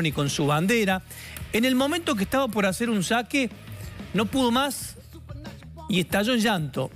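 A middle-aged Argentine man anchors a live news bulletin in a high-pitched voice. He speaks with an Argentine accent and sometimes halts to find his words. Faint music plays underneath. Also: a bit bright. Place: indoor TV news studio.

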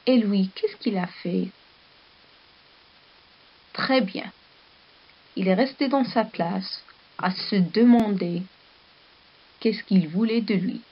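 A woman's voice: mid-range voice, slow pace, long pauses, breathy edge. A woman teaching a primary class, reading a story aloud and patiently asking the children questions and praising their answers. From Morocco. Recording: dull lo-fi recording.

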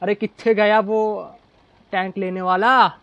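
A young man giving casual, chatty gameplay commentary, full of excited exclamations. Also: high-pitched, a little slow, lo-fi sound. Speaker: gaming YouTuber.

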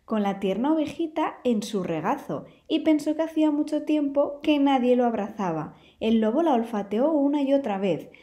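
A woman with a Spain Spanish accent, reading a children's storybook aloud in an expressive, lively way. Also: sits high, moderate pace, hardly any pauses, lo-fi sound.

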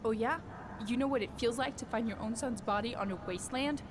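A woman's voice: fairly high pitch, quick pace, natural voice. A woman playing a bitter grieving mother. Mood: grief-stricken. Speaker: game character. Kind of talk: video game voice acting. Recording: game audio with clear background noise.

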